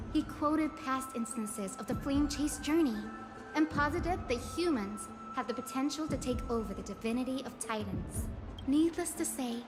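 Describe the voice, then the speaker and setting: High cheerful young game heroine, animated storyteller, music underneath. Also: female voice. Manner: lively storyteller mimicking quoted critics. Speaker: game character. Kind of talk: game voice acting. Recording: game audio over music, long reverb.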